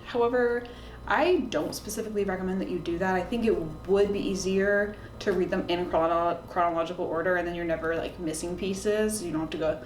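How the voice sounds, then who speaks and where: Her intonation stays fairly even and she speaks briskly, casually recommending books to camera with strong opinions as a video host. Faint noise and rumble sit under a roomy, echoing sound.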